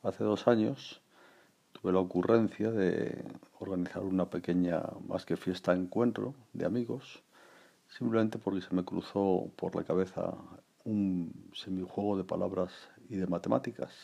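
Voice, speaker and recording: Gravelly low-voiced man around sixty. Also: fairly even intonation, unhurried, mellow. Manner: rambling, reflective, many fillers and restarts. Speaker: podcast host. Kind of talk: casual personal monologue.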